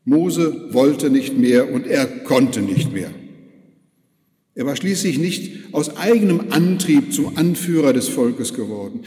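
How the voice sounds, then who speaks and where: An older retired pastor preaching a sermon, retelling a Bible story in slow, expressive storytelling, in a large church. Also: male voice, medium pitch. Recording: echoey church hall.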